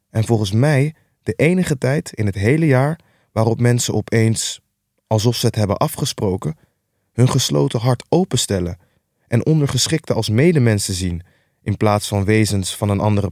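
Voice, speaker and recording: A man's voice: mid-range voice, darkish tone, dry recording, lightly acted. A man voicing a relentlessly cheerful young nephew in an audiobook reading, earnest, upbeat and pleading. The recording is dry and close.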